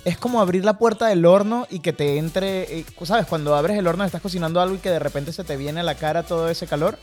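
Curious co-host with a higher male voice. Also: a little mellow, faint music behind. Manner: curious, asks quick follow-up questions. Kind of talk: casual interview chat.

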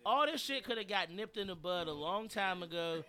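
A man co-hosting a casual radio podcast, talking football in an animated way, laughing often and swearing freely. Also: high-pitched, moderate pace. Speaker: podcast co-host. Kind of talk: casual sports chat. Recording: radio show studio.

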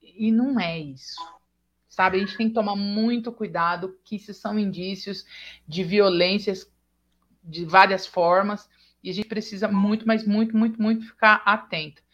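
A woman's voice: mid-range voice, fairly even intonation, moderate pace, a bit bright. A Brazilian woman hosting a casual chat who tells stories animatedly and acts out quoted dialogue. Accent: Brazilian Portuguese. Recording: dull lo-fi sound.

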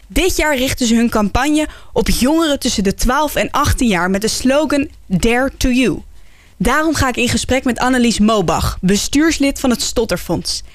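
A woman presenter introduces the topic and interviews a guest, her questions clear and curious. Her voice sits a little high. The sound is dry and close, with no room around it. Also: expressive, normal speed, no echo. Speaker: host.

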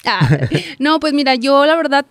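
A young woman, telling her story as a guest in a casual interview, chatty and quick to laugh. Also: high-pitched, dry recording. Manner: chatty storyteller, laughs often, acts out quotes. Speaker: guest, TV reporter.

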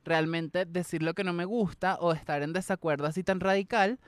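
A woman's voice: on the low side, steady tone, moderate pace, smooth, dry recording. A woman with a Venezuelan accent co-hosting a podcast, chatting casually and mocking herself, voicing her own thoughts as quotes. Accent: Venezuelan Spanish. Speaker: podcast co-host. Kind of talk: casual chat.

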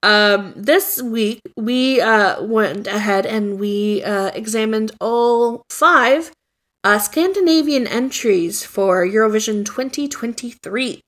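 A woman's voice: a little high, animated, slow pace, a bit bright. A woman co-hosting a casual chat podcast, rambling with many fillers and restarts. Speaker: podcast co-host.

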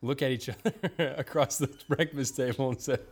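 A man's voice: medium pitch, moderate pace. A man chatting casually as a guest with his brother, trading dry jokes outdoors at night. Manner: dry, deadpan humor. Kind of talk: casual chat.

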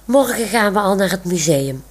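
A woman's voice: mid-range voice, animated, normal speed, lightly acted. A woman voicing a kind, comforting old woman with a walker in a storybook reading.

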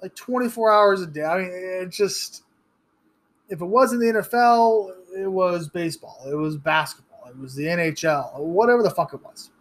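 Guy in his 30s ranting on his podcast, swears a lot, trips over his words, pitch a bit on the high side. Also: normal speed, fairly bright tone. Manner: blunt and profane, with frequent restarts. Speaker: podcast host. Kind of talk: ranting solo podcast commentary.

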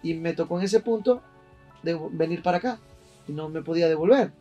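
A man's voice: on the high side, brisk, recorded from a distance, lo-fi sound, faint music behind. Man telling a heartfelt story. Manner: animated, heartfelt storytelling with slang. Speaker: guest. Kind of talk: emotional personal storytelling.

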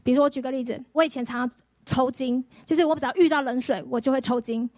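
High, fast-talking woman pastor. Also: dry recording, clean studio sound. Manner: lively, storytelling with acted-out quotes and rhetorical questions. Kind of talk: personal healing testimony sermon.

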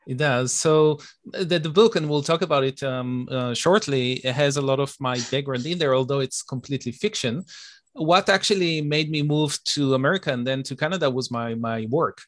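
Middle-aged male guest from Israel, dry close sound, steady thoughtful answers. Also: mid-range voice, normal speed, no echo. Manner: steady, thoughtful, with frequent uh fillers. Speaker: guest author. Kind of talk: interview answers.

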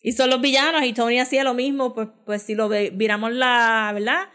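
A woman's voice: fairly high pitch, steady tone, brisk, fairly bright tone, clear, resonant tone. A woman with a Caribbean Spanish accent from Puerto Rico, speaking casually and with opinion as a podcast co-host, often switching into English. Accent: Puerto Rican Spanish.

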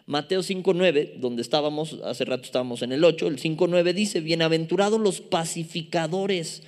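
A man's voice: on the high side, moderate pace. Mexican man preaching in a reverberant hall. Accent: Mexican Spanish. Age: 30s. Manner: emphatic, repeats key words, playful asides to the congregation. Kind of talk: sermon.

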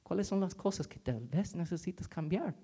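A man's voice: sits high, expressive, normal speed, warm tone, slightly rough. A man preaching a sermon as pastor, in a conversational way that keeps asking the congregation questions and drops to a whisper for quoted lines.

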